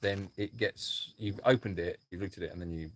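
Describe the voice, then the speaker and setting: A low-pitched man, co-host of a sanctuary livestream, talks fairly quickly in a casual chat. He tells a rambling anecdote full of restarts and thanks viewers by name.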